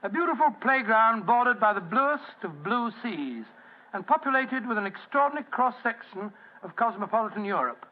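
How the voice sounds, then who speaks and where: An actor playing a genial, fussy older English doctor, narrating and acting in an old-time radio drama. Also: male voice, sits high, big pitch swings, normal speed, phone-quality sound. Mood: genial, storytelling. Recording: thin, band-limited vintage radio recording.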